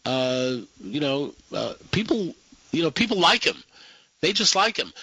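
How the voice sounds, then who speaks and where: Bright-voiced male radio talk show host. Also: fairly high pitch, very animated, a little slow, breathy edge, no echo, poor audio. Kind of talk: live call-in political talk.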